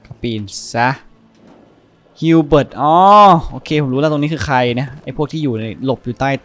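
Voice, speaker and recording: A man's voice: mid-range voice, fairly even intonation, normal speed. Chatty man commenting on gameplay. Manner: chatty, laughs often, repeats words while playing. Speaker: let's-play host.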